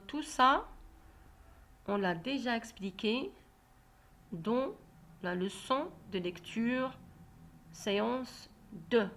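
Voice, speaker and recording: A woman teaching a reading lesson to young children, saying each instruction clearly and repeating it. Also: mid-range voice, a bit bright. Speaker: primary school teacher.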